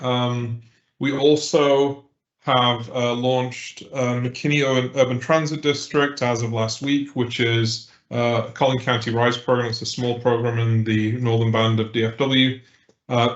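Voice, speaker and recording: A man giving a businesslike update in a meeting, heard over a glitchy call line that cuts out, with frequent uhs and restarts. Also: mid-range voice. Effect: glitchy, cutting-out call audio. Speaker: transit agency presenter. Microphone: remote video call. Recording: dull, echoey remote call audio.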